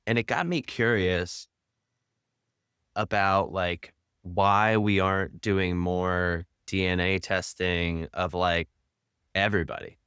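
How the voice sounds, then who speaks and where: Male host, thirties, very low pitch, dry close sound, casual and hesitant. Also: fairly even intonation, slow, fairly bright tone, clear, resonant tone, dry recording. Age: 30s. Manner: rambling, hesitant, many fillers. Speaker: podcast host. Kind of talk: casual interview conversation.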